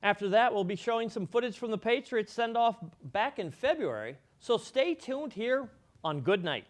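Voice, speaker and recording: A man's voice: sits high, very animated, normal speed. A man presenting scripted comedic news as the show's anchor.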